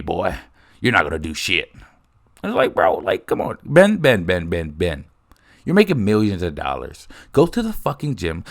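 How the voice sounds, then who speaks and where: A young man in a rambling, profane casual rant, talking close to the mic. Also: on the low side. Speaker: host.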